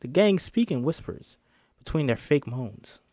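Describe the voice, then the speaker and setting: A man's voice: mid-range voice, big pitch swings, unhurried, warm tone, no echo, clean studio sound. A man reading screenplay stage directions aloud as an amateur narrator. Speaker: amateur script reader.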